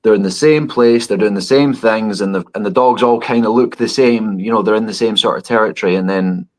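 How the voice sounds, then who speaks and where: A man's voice: on the low side, fairly quick. A man in his thirties, a dog trainer guesting on a podcast, answering thoughtfully with frequent restarts. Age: 30s. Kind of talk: conversational podcast interview.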